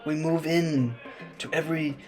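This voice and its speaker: A young man narrating a parody nature documentary in a hushed, mock-solemn wildlife voice. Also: on the high side, steady tone, normal speed. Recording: music playing underneath.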